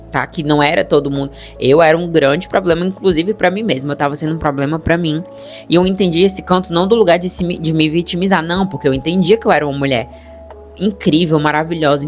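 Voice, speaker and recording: A young Brazilian woman with a Brazilian Portuguese accent, telling her personal story to her viewers in a chatty, animated way. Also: low-pitched. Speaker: vlogger.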